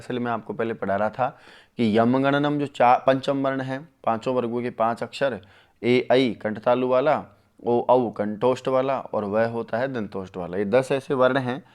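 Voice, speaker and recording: Man teaching a lively Sanskrit lesson. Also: medium pitch, clear, resonant tone. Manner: enthusiastic, addresses viewers as friends, slows to spell out sutras. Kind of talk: live exam-prep lesson.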